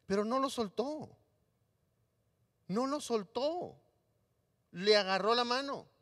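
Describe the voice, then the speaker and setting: A man's voice: very high voice, lively intonation, slow pace, fairly bright tone. A man preaching a sermon in a church hall, acting out voices of Bible figures for the congregation. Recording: live stream in a reverberant hall.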